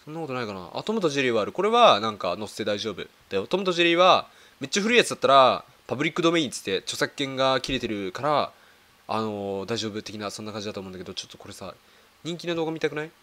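A man's voice: mid-range voice, big pitch swings, rapid-fire, fairly bright tone. A man making casual reaction commentary as he browses videos, thinking aloud with lots of fillers and questions to himself. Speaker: video creator.

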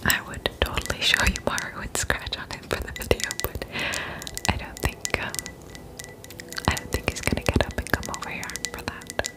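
A woman in her twenties whispering softly and close to the mic as an ASMR host, gently repeating the odd word. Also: moderate pace. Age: 20s. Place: small dim room indoors. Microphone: close mic, near the mouth.

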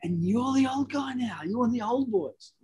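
A man in his forties, a guest on a video call, telling stories in a laid-back, halting way. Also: very high voice, expressive, warm tone. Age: 40s. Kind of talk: casual interview chat.

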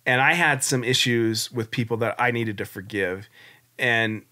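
In a casual interview, a forties-aged man shares his story as a podcast guest, rambling in a candid, reflective way. His voice sits mid-range with a sharp edge, and his pace is a little slow.

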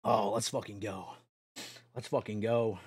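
A young man streams a truck driving game, chatting casually and directly to his chat, swearing often and breaking into yelps and laughs. His voice is lowish, steady, unhurried and slightly rough, recorded with clean studio sound and no room sound.

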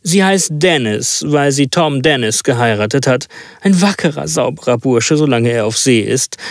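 A man's voice: mid-range voice, no room sound, studio quality, natural voice. A man voicing an anxious, talkative old woman in a storybook reading, rambling in fussy bursts. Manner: rambling, fussy, breathless chatter.

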